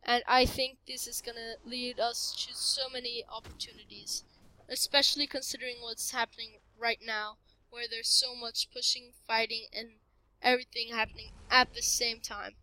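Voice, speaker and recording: A woman's voice: fairly high pitch, flat delivery, normal speed, sharp tone, rough recording. A woman casually narrating her own match, giving chatty play-by-play of the game. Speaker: gameplay commentator.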